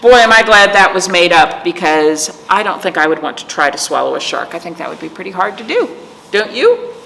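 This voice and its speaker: Her voice is lowish and a bit bright, very animated and fairly quick as she reads to young children. A children's librarian running storytime, she uses a sing-song style and poses questions to the group. The space is reverberant, with clear background noise.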